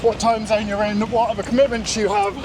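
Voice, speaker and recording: High-pitched man talking while running outdoors. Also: flat delivery, a little fast. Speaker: interview guest. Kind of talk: casual interview answers. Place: outdoors in an urban area, on the move. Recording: clearly noisy outdoor urban recording.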